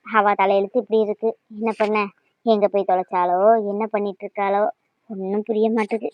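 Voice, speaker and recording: A woman's voice: medium pitch, little pitch movement, fairly quick, muffled recording, natural voice. A woman voicing a worried older mother in a cartoon, lamenting and complaining in long sighing runs. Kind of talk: cartoon voice acting.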